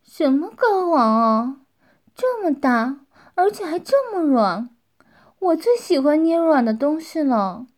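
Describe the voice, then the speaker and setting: A gleeful young policewoman in an audio story drawls her lines in a slow, taunting way, as a woman puts her on. Her voice sits high and bright above an ordinary speaking voice. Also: sing-song, exaggerated voice. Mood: teasing.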